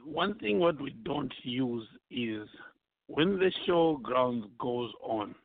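Gravelly male panelist on a phone line. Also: mid-range voice, lively intonation, slow. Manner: argumentative, presses questions. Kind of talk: panel discussion.

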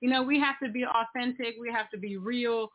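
A woman's voice: fairly high pitch, steady tone, brisk. A woman hosting a casual interview, speaking emphatically and offering encouraging responses. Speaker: interview host. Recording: tinny phone-like call audio.

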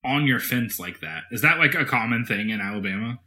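A man's voice: mid-range voice, animated, a little fast, bright, forceful tone. A man co-hosting a podcast, teasing and questioning the others in casual chat. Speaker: podcast co-host.

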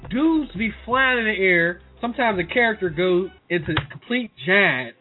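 A man's voice: high-pitched, expressive, normal speed. A man with an American accent in casual, slangy chat as a podcast co-host talking games. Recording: tinny phone-like voice call, music behind.

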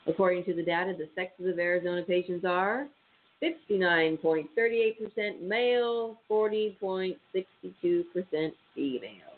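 This casual radio host has a stuffy, nasal voice that sits high, and he moves at a moderate pace while reading out statistics, filling gaps with ums and uhs. A faint hiss runs under the tinny, phone-line audio.

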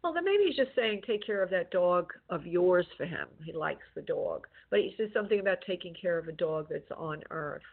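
A woman working as a psychic medium on a call-in show, giving spoken spirit readings in a gentle, consoling way with affectionate endearments. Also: on the low side, lively intonation, moderate pace, gravelly, hardly any pauses. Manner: gentle, consoling, using endearments like love and honey. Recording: tinny phone-like call-in audio.

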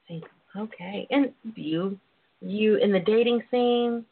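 A woman hosting an informal sex talk show, chatty, sassy and flirty, with drawn-out emphasis. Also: medium pitch. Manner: sassy, flirty, drawn-out emphasis, calls listeners honey and darlings. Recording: tinny phone-line audio.

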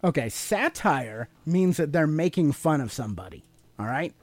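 Fairly high-pitched and animated, at a normal speed, this middle-aged man co-hosts a podcast. He casually explains things to his child as a teacher might, using leading questions to guide him.

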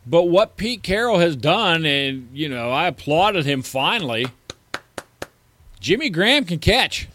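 A man's voice: a little high, big pitch swings, unhurried, bright, forceful tone. Agreeable man breaking down football records. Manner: agreeable, ticks off stats and records. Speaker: fantasy sports podcast co-host. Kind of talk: casual sports talk.

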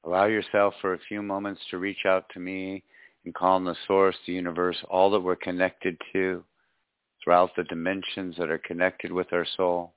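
A man leading a spiritual guided meditation in a slow, soothing, hypnotic way, with long pauses and repeated phrases. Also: deep voice, flat delivery, clean tone, no room sound. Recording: dull lo-fi audio, music behind. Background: faint music.

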